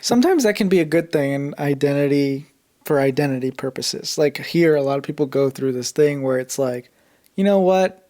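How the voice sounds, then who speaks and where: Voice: medium pitch, animated, normal speed, warm tone. Casual, agreeable podcast co-host.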